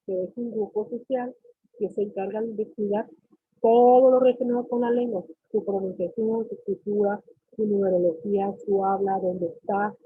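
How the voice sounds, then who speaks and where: A woman's voice: mid-range voice, husky, no room sound. A woman teacher lecturing a class, explaining with questions and acted-out student replies. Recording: tinny phone-like call audio with faint hiss.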